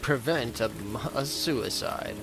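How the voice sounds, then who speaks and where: A man delivers sarcastic, joking commentary over a video game. His voice sits at an average pitch, and music plays clearly behind him as he mocks what he sees. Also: slow pace. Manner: sarcastic, mocking.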